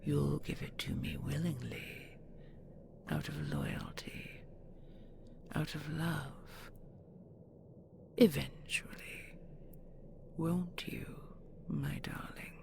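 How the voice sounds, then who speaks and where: Her voice sits low and is very animated as she voices a possessive, seductive dragon queen for an intimate audio roleplay. The delivery is slow, doting and imperious in a breathy, gravelly whisper, heavily acted, with a coaxing, menacing mood.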